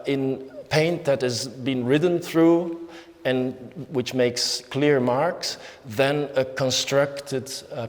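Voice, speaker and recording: A man giving an unscripted lecture as an artist, halting often with fillers and restarts. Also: medium pitch. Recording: long hall reverb.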